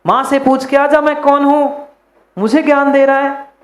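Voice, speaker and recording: A man's voice: extremely high pitch, steady tone, moderate pace, roomy sound, pitched above the performer's own voice. A man voicing a proud, scornful older male ascetic who scolds indignantly.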